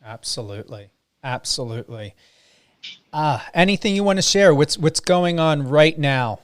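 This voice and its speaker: A man's voice: on the high side, lively intonation, moderate pace, no echo, clean studio sound. A man hosting an interview, talking with enthusiasm and lavish praise for his guest. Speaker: host.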